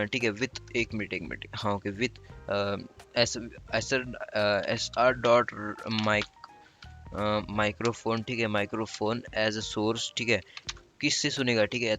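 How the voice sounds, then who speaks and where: Young indian guy, lowish voice, chatty coding walkthrough, keeps saying the same thing twice, faint music behind. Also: steady tone, unhurried, a bit bright. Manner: chatty, repeats itself often, self-correcting. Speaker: coding tutorial host. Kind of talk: casual screen-recorded coding walkthrough.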